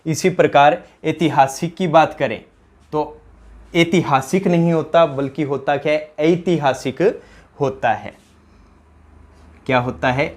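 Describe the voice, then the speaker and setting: A man's voice: fairly high pitch, unhurried, pauses often. A man with a Rajasthani accent teaching an exam-prep grammar lesson, drilling each answer by asking the question again and addressing his students as companions.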